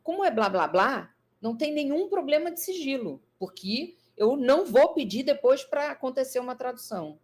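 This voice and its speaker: A woman's voice: sits high, moderate pace, few pauses. Thoughtful Brazilian woman explaining at length. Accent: Brazilian Portuguese. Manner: thoughtful, many fillers and restarts, lively emphasis. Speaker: psychologist guest. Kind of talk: conversational explanation.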